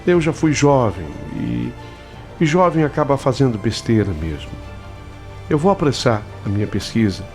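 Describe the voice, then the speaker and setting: A man voicing a calm professor father gently reassuring his son in a spoken ghost story. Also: mid-range voice, moderate pace, gravelly, faint music behind. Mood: soothing. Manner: soothing, gentle.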